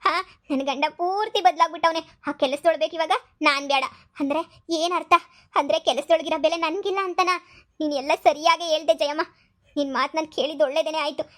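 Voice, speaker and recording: A woman doing a shrill jealous cartoon wife. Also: steady tone, fast, a bit bright. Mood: wailing. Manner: accusing, needling, repeats herself. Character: jealous nagging young wife, suspicious and shrill. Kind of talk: cartoon comedy voice acting.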